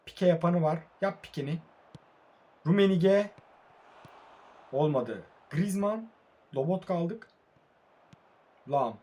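A young man, sleepy late at night, commentating his own football video game match in a casual way, calm one moment and frustrated the next. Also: fairly high pitch. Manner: casual, swings between calm murmuring and frustrated outbursts. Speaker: mobile football gamer. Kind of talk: live match commentary while playing.

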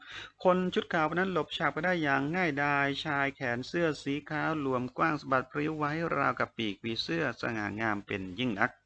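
Gravelly bright-voiced male storyteller. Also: on the high side, fairly quick, few pauses, dull audio, a little hiss or hum. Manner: steady storytelling read-through. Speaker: audiobook narrator. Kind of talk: reading a novel aloud.

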